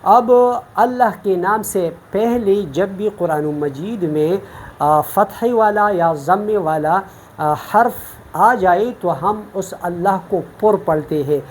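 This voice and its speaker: A woman's voice: on the low side, darkish tone, slight background noise. A woman from Pakistan teaching Quran recitation in an online lesson, explaining each rule patiently, step by step.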